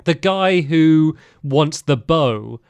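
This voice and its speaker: Guy rambling about a game he played, kinda high voice, dry close sound. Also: extremely slow, smooth, no echo. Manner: rambling, animated storytelling with fillers. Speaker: podcast co-host. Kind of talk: casual game discussion.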